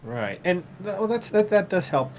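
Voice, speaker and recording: A man playing a private detective in a tabletop game, asking questions haltingly with many restarts and fillers. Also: sits high, very animated, slight background noise. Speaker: player. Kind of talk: in-character tabletop role-play as a detective.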